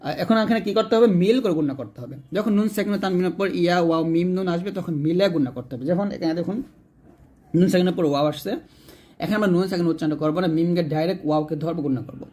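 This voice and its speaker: A man teaching Quran recitation rules in an online lesson, asking and answering his own questions and drawing out example syllables slowly. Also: high voice, darkish tone.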